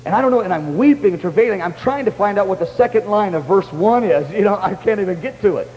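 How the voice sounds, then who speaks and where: A man preaching a testimony in a sermon, telling his story with animated, excitable exclamations. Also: high voice, fast, long reverb tail, poor audio. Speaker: pastor.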